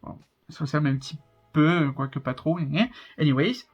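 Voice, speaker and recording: Muffled audio captures a southern French man in his twenties doing reaction commentary, his voice on the high side at normal speed with fairly even intonation. The YouTuber chats and rambles casually, with frequent laughter.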